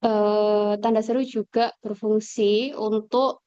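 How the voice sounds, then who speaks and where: A woman teacher explaining a lesson slowly on a video call, with fillers and pauses. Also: mid-range voice, little pitch movement, dark tone, smooth, no echo. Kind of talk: online class lecture. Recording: dull lo-fi video call audio.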